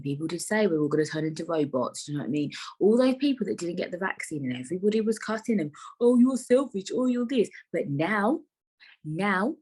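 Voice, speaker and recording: A young woman hosts her own podcast and chats in a loose, rambling way, talking straight to her listeners. Her voice sits low, with a husky, breathy edge. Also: rough recording. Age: 20s. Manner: chatty, rambling, full of "like" and asides to listeners. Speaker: podcast host. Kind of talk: casual solo podcast chat.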